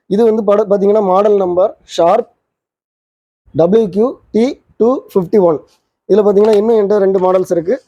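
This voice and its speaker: In a high-pitched voice with a dark tone, a man casually shows off a vintage twin-cassette tape recorder on his channel, moving fast and naming its parts along the way. There's no room sound; the audio is dry, dull and lo-fi.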